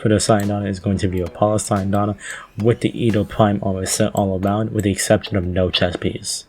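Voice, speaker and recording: A man's voice: on the low side, flat delivery, brisk, darkish tone. A man talking casually over a gaming video, loose and laid-back, with lots of fillers and the odd swear.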